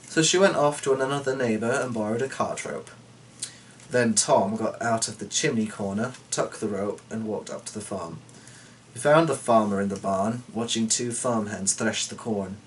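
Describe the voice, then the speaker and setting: On the low side and at normal speed, a man's voice reads a folk tale dramatically from a storybook. He breaks off with casual, cheeky remarks full of swearing, and the recording is distant with faint noise behind it.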